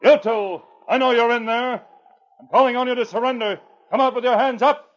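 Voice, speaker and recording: A man's voice: deep voice, very animated, brisk. A man playing a brave Mountie sergeant, firm and commanding, in an old radio adventure recording. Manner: firm, authoritative. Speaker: radio drama actor. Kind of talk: 1950s radio adventure acting. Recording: muffled old radio transcription.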